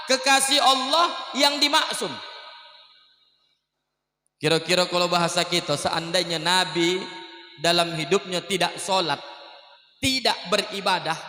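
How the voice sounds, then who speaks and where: A man preaching, acting out his story with lively voices. His tone is bright and forceful and sits a little high. The sound rings through a large, echoey mosque hall. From Indonesia. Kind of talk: sermon storytelling.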